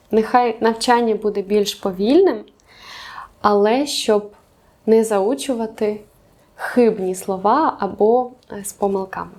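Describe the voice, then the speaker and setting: A woman teaching a beginners' language lesson, explaining patiently and slowing down for examples. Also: mid-range voice, darkish tone. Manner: patient, clear explanations with slow spelled-out examples.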